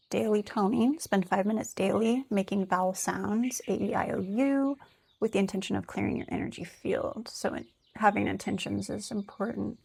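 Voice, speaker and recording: Gravelly, husky woman musing aloud. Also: medium pitch, a little mellow. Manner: candid, rambling, swears freely; thinks aloud with many fillers. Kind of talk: casual spiritual monologue, reading notes aloud.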